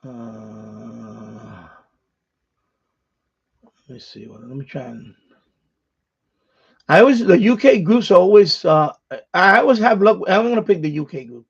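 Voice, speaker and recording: Male live stream host, husky higher voice, chatty and muttering with louder radio calls, lo-fi sound. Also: sing-song, measured pace, pauses often. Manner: muttering to himself, with louder call-outs. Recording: dull, lo-fi sound.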